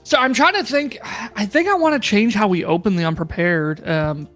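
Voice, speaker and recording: Rambling game master, faint music behind. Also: male voice, high voice, normal speed, fairly bright tone. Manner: rambling, self-deprecating, thinks aloud. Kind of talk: casual streamed tabletop game chat.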